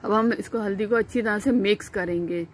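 A cooking channel host with a Pakistani Urdu accent walks through a recipe step by step as she cooks, calm, instructive, and brisk, with a medium-pitched voice. She often says "uh" and restarts her sentences. The phone sits close to her in a home kitchen, with faint background noise.

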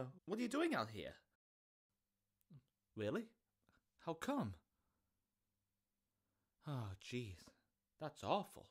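A young man voicing a cocky but kind street thief who talks in a casual, quick-witted, joking way. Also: mid-range voice. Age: young adult.

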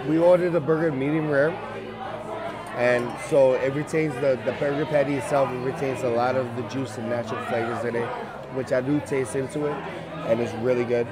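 Filmed on a phone held close with an earbud mic, this thirty-something food vlogger reviews a burger in a casual vlog, chatty, exclamatory and laughing a lot. His voice is mid-range with fairly even intonation and a brisk pace. He's indoors at a busy bar and restaurant where loud music and crowd chatter fill the noisy room.

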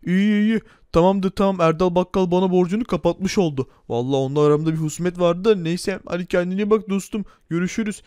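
A man's voice: high-pitched, fast, hardly any pauses, mellow, smooth, no echo, studio quality, natural voice. A man playing a courteous, kind-hearted restaurant waiter in a game role-play. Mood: polite.

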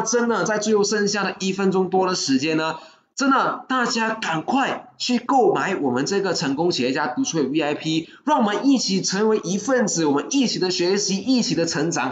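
A livestream host, pitching a book club membership in an upbeat, urging way and taking viewer questions, with English words mixed in. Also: sing-song, a little fast, muffled recording. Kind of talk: live-stream sales pitch and Q&A. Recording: echoey room.

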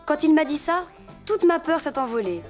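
A woman's voice: high voice, sing-song, normal speed, over music. A woman narrating as a young girl reading her letters to a friend in a confiding tone. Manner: gentle, confiding.

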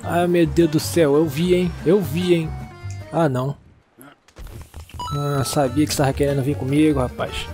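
A young man with a Brazilian Portuguese accent, excitedly narrating a video game and talking to its characters. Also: on the high side, normal speed, pauses often, faint music behind. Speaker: gaming YouTuber. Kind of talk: let's-play commentary.

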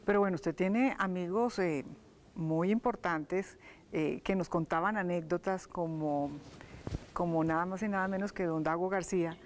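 Woman interviewer asking measured questions. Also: lowish voice, fairly even intonation, slight background noise. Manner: measured, prompting, fills gaps with short agreement.

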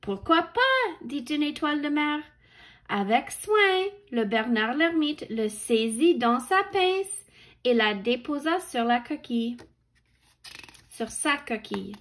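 Woman reading a picture book to children: slow, patient, slightly high, stops to explain the pictures and count along. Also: lively intonation. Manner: corrects her own misreadings. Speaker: children's story reader.

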